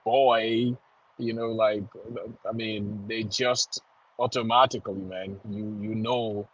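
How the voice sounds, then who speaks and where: A soccer club founder with a Nigerian accent chats informally as a podcast guest, often adding "you know" and "man." His voice is on the low side and a bit bright, with fairly even intonation and a slow pace, and the sound is lo-fi.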